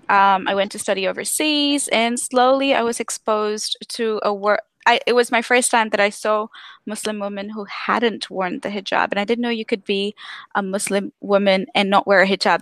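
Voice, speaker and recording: A woman's voice: mid-range voice, fairly bright tone, dry recording. Earnest woman from Tanzania, dry sound. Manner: earnest, many fillers and restarts. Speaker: activist speaker on a live stream. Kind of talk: personal testimony on a live stream.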